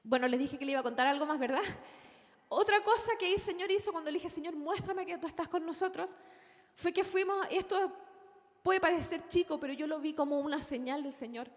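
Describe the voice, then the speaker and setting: A woman's voice: high-pitched, brisk, in a large hall. A young woman preaching a sermon, telling a personal story earnestly and addressing the congregation as brothers.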